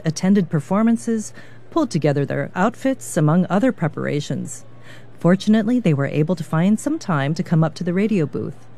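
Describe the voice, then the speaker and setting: A woman hosting a radio broadcast, reading a polished, measured script. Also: on the low side, warm tone. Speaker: radio host.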